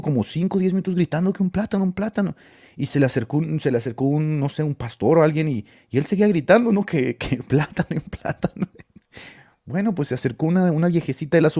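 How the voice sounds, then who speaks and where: Northern mexican preacher guy telling stories, keeps chuckling, warm mellow voice. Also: on the high side. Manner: laughs often while telling stories. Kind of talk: casual storytelling talk.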